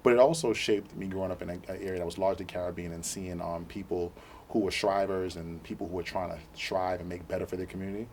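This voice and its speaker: A man's voice: deep voice, steady tone, fast talker, a little mellow, a little hiss or hum. A young man giving an earnest interview as a political candidate, fluent but with many ums. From Brooklyn, New York. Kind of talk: TV interview answers. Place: TV studio.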